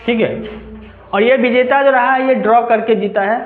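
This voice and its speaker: A man's voice: very high-pitched, steady tone, moderate pace. A man teaching a class in speech, asking his students questions and then answering them himself. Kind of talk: classroom lecture. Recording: echoey room on a tinny lo-fi line.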